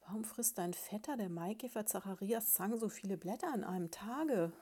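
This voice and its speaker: A woman's voice: medium pitch, normal speed, dark tone, lightly acted. A woman voicing a fussy, nagging female beetle who keeps asking her husband questions.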